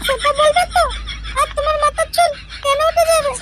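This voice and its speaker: A squeaky cartoon girlfriend. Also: steady tone, bright, forceful tone, dry recording, soft background music. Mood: chatty. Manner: indignant, quick to take offense. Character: squeaky young woman, prim and touchy girlfriend. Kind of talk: cartoon comedy dubbing.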